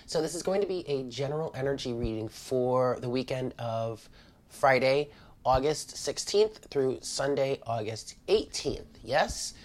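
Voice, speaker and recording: Seated at a table indoors, a tarot reader gives a spiritual card reading, chatting informally straight to viewers. Her medium-pitched voice sounds congested and stuffy, and she speaks in an animated but unhurried way.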